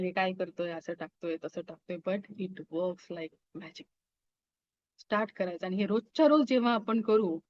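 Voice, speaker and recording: A woman's voice: mid-range voice, no echo. Woman teaching a Reiki class online. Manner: asks the class quick check-in questions; mixes English phrases into her talk. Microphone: video call. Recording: dull, dry video-call audio.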